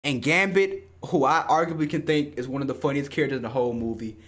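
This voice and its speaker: A man hosting a casual spoiler review of a film, excitable and slangy, swearing freely and often laughing. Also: medium pitch, quick pace. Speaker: movie reviewer and host.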